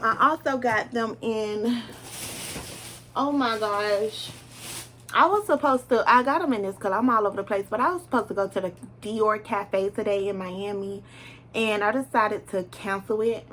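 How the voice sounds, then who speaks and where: A Southern woman from the US in her late twenties, a vlogger, talks casually to camera while sitting on her bedroom floor. Her mid-range voice has a fairly bright tone against slight background noise, and she speaks straight to viewers in a friendly, chatty, scattered way.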